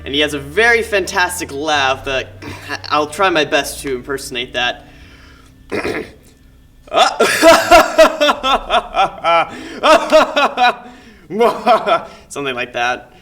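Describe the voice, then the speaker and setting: A man's voice: mid-range voice, moderate pace, sharp tone, a little hiss or hum. A man speaking casually and hesitantly, stumbling over his words. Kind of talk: casual tribute remarks.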